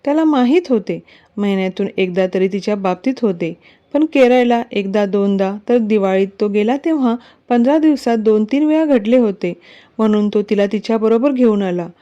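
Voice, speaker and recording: Mellow-voiced woman narrating a romance. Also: mid-range voice, normal speed. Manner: even storytelling. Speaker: story narrator. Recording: dull lo-fi recording.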